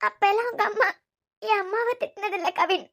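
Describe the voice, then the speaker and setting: Woman doing a sad young cartoon wife, kanyakumari tamil accent, really high soft teary voice. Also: fairly quick. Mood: sorrowful. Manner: soft, tearful pleading. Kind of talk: cartoon web series dialogue.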